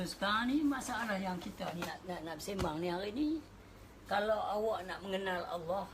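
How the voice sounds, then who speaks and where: A woman's voice: lowish voice, slight background noise. A woman with a northern Malaysian accent giving a casual religious talk, chatty and dropping in English words. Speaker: religious speaker.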